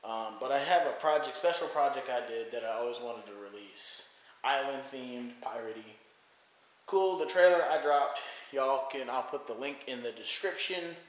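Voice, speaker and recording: Speaking at medium pitch and a moderate pace, a man in his thirties chats through an offhand vlog with lots of fillers. He's indoors at home, going from the bedroom to the living room, with the phone camera held out at arm's length. The bare room is very echoey, and there's a faint noise floor.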